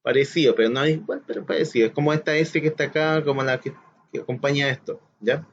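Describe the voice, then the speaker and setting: A man's voice: fairly high pitch, steady tone, fast talker, slight background noise. A man teaching a recorded lesson to children, patiently counting aloud and posing questions to the class. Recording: slightly dull lo-fi audio.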